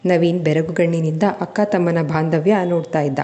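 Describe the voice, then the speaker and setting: Low, mellow woman narrating a family story. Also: fairly quick. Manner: steady, emotive reading. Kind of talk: scripted narration of a family drama serial.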